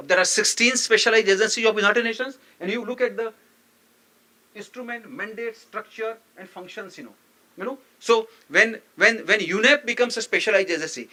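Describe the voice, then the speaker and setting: A man's voice: sits high, pushed and bright. A male professor gives an academic lecture in a lecture hall, speaking emphatically, repeating phrases and putting rhetorical questions to listeners. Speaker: professor giving a memorial lecture.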